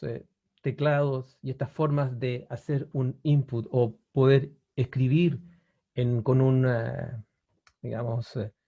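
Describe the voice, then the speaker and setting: A man's voice: mid-range voice, gravelly, warm tone, dull audio. A man giving an online webinar lesson about language-learning websites, explaining at an easy pace with many fillers and restarts, often checking in with his viewers. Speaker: language teacher presenting a webinar.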